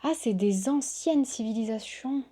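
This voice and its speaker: Gushing woman unboxing cards, mellow voice. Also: on the high side, lively intonation, unhurried. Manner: gushing, exclamatory, lots of waouh and oh là là. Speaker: tarot reader and channel host. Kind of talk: casual unboxing chat to viewers.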